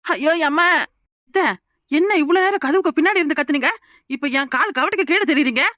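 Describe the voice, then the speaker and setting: A young village wife from Kanyakumari, talking quickly and insistently in a high voice. The cartoon voice is close and dry, with no room around it. Her manner is pressing. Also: a bit bright, no room sound. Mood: urgent. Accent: Kanyakumari Tamil. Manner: rapid, insistent, pleading. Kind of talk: cartoon voice acting.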